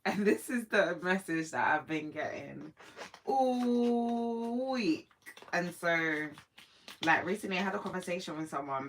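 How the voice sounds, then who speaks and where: A woman with a low, sleepy morning voice hosts a casual live stream. She talks in a relaxed, reflective way to her viewers. A faint hiss sits under the voice. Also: vocal fry, poor audio. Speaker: livestream host.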